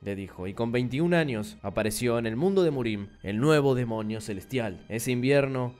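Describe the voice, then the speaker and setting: A man with a Rioplatense Spanish accent narrating a comic plot recap in a brisk, chatty way. His voice sits in an ordinary middle register, full of slangy asides. Faint music plays underneath. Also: medium pitch, a little mellow. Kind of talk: casual comic story summary.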